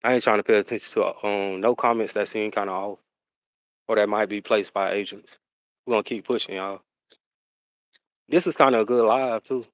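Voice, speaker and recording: Chatting loosely on his livestream, a man rambles and stretches out his talk, packing it with fillers and "you know what I'm saying." His voice is lowish and steady, the audio is poor, and there's no room sound.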